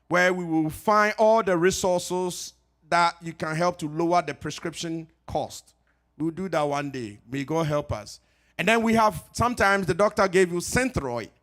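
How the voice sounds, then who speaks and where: A middle-aged man from Ghana with a Ghanaian accent, a pharmacist giving an informal health talk at church, lively and joking, repeating his key points. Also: sits high, measured pace.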